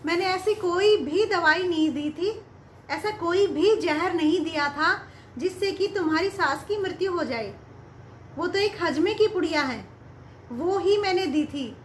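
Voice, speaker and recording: A woman voicing a gentle, wise father. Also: very high voice, unhurried, a little hiss or hum. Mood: reassuring. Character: wise kindly father giving advice. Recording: roomy echo.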